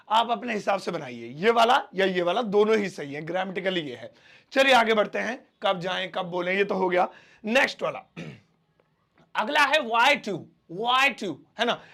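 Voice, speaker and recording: A man with a high voice and a gravelly edge teaches a spoken English lesson. He explains patiently and slows right down to repeat each phrase word by word, clearing his throat now and then. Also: a bit bright. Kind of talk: Hindi-medium English lesson.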